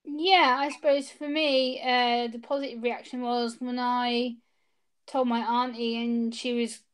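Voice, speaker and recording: A woman's voice: a little high, smooth. A woman speaking openly and earnestly as an interview guest, with hesitant restarts, over a video call. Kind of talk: candid personal interview.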